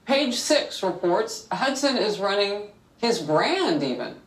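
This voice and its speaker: A news anchor introducing cable news stories in a measured, pointed delivery. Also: male voice, high voice, very animated, fairly bright tone, reverberant, recorded from a distance, low-quality recording.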